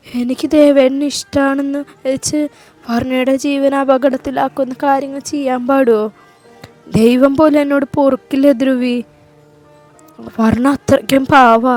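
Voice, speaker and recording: A woman's voice: sits high, darkish tone, pitched above the performer's own voice. A woman voicing a remorseful young woman who pleads tearfully in a story reading. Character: guilt-ridden young woman, older sister figure.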